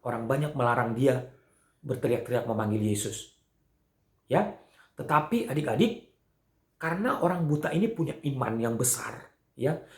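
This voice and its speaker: A male Sunday school teacher tells a story to children in a fairly high voice, peppering his talk with short fillers. He shifts between a lively tone and soft asides. The sound echoes in the room. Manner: animated, with frequent "ya" fillers, acting out the quotes. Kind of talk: telling a Bible story to children.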